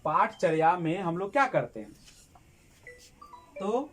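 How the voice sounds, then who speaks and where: A woman's voice: on the low side, sing-song, slow, faint music behind. A woman teacher giving an exam-prep lesson, asking the class questions and answering them herself, repeating key words.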